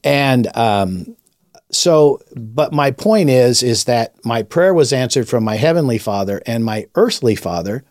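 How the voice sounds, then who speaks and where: A man's voice: lowish voice, dry recording, studio quality. A man hosting a podcast, telling a personal testimony in a rambling conversational way, with frequent restarts. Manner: rambling, with many restarts and fillers. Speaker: podcast host and rabbi.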